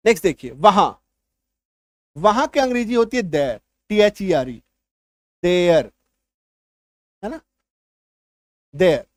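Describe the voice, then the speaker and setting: पुरुष अंग्रेज़ी शिक्षक, सूखी नज़दीकी आवाज़. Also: male voice, sits high, animated, slow pace, long pauses, dry recording, studio quality. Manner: patient, repeats words, checks understanding often. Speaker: English teacher. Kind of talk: online spoken English lesson.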